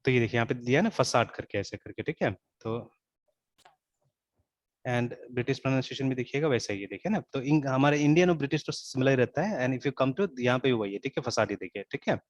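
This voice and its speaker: A man's voice: mid-range voice, animated, brisk, no room sound. A man teaching an informal programming class, mixing English into his speech and checking in constantly with "theek hai". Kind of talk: informal online coding class. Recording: dull, dry lo-fi recording.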